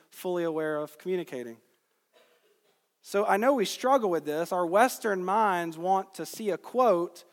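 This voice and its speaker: A high-voiced man from Georgia in the United States preaches an expository sermon to a congregation, leaning deliberately on key words as he teaches. He's in a large room, and the hall's long reverb carries through the recording.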